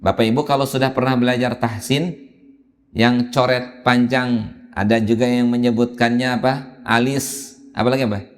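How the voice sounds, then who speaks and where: A man teaching Quran reading in a mosque, explaining patiently and chanting drawn-out examples. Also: medium pitch, steady tone. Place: mosque hall. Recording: long hall reverb in a mosque.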